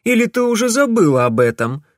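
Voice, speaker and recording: A man voicing an angry, hot-headed young hero in an audiobook, indignant and loud. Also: high-pitched, sing-song, brisk, no room sound, studio quality, voice pushed up. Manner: indignant and shouting.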